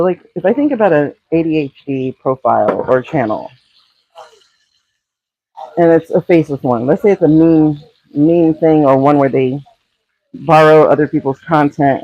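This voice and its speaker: A woman with a husky morning voice chats casually to her viewers while cooking, giving business coaching and calling them y'all. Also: low voice, dry recording, highs cut off. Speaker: brand coach. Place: home kitchen, cooking.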